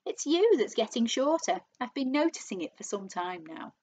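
Storybook villain husband, played by a woman: gleefully cruel, mock-solemn, drawing out threats with big pitch swoops. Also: expressive, brisk, a little mellow, natural voice. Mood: gloating, taunting. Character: gleefully cruel, taunting husband, grown man.

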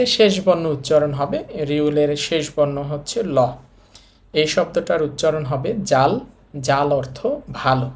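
A man's voice: fairly high pitch, darkish tone. A man with a Bangladeshi Bengali accent teaching a language lesson, walking viewers through each letter patiently and repeating key points as he writes them out. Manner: patient, repetitive, addresses viewers directly. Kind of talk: step-by-step lesson explanation.

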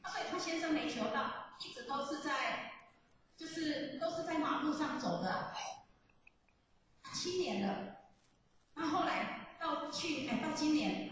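A woman giving a lively religious testimony, telling her story with laughs. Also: sits high, a little hiss or hum. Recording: echoey hall from far off.

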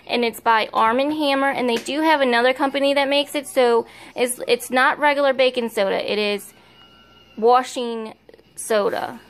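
A woman with a high, clean-toned voice speaks at a moderate pace as she records a casual how-to in her home kitchen. Talking into a phone camera, she is chatty and rambling and keeps correcting herself. She's a home video maker.

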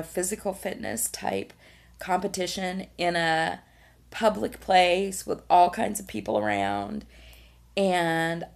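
A woman's voice: on the low side, creaky. A middle-aged woman chatting casually to camera in a hotel room, choked up and close to crying. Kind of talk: casual vlog chat. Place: small hotel room, indoors.

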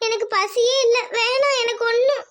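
A woman's voice: extremely high pitch, steady tone, moderate pace, fairly bright tone. A woman doing a stubborn, feverish village wife. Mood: weary. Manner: weak, refusing, stubborn. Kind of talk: cartoon voice acting.

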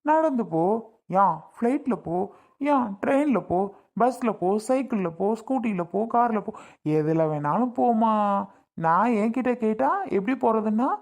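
A woman's voice: fairly high pitch, lively intonation, a little slow, a little mellow. A woman playing a stubborn husband who teases and mocks his wife, in a family skit. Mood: sarcastic. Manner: sarcastic, teasing. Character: teasing, stubborn husband Arjun.

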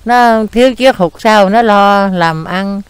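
An older woman, a grandmother answering questions in a soft, rambling way, searching for words. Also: mid-range voice, slow, smooth, no echo. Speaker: grandmother being interviewed.

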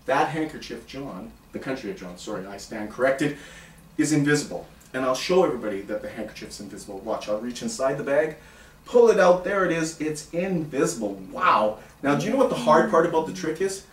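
A man's voice: medium pitch, animated, a little fast. A middle-aged man performing as a theatrical stage magician, bantering playfully and giving instructions to his audience. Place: indoor room with small stage setup. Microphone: far camera. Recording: roomy, distant camera mic with background noise.

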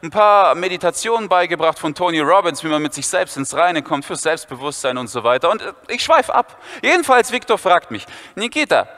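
A male stand-up comedian telling a story, animated and deadpan by turns. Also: fairly high pitch, brisk, hardly any pauses.

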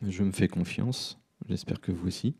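Relaxed man giving a coding talk. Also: deep voice, normal speed, vocal fry, husky. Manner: relaxed, self-deprecating, many fillers. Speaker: conference speaker. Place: conference room.

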